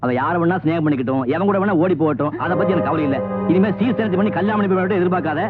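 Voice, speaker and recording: An actor playing a debt-laden village landowner and older brother, talking quickly and sardonically, quick to anger with his sisters. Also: high-pitched, lightly acted. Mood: bitter. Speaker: film actor. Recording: tinny lo-fi film soundtrack with music.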